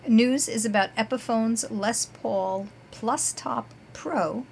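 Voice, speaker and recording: A woman guitar teacher hosting her own podcast, talking in a chatty, upbeat way and warmly stressing her praise for students. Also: a little high, slow pace, creaky, a little hiss or hum. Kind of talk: casual scripted podcast segments.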